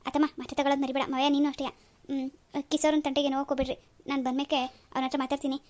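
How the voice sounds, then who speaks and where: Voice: high voice, level tone, rapid-fire, lightly acted. A voice actor playing a caring young village man in a cartoon, teasing his elders. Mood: cheerful. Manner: affectionate, teasing. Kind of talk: cartoon dub.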